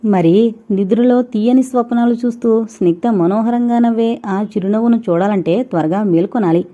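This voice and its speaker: A woman's voice: fairly high pitch, normal speed, mellow, natural voice. Woman reading as a sulky possessive young husband. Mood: coaxing. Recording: dull lo-fi recording.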